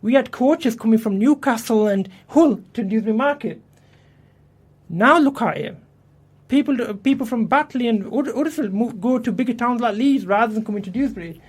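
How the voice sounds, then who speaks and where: A man's voice: very high voice, moderate pace, slightly rough. A man, an election candidate answering radio interview questions earnestly, often restarting and repeating words in a studio. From England.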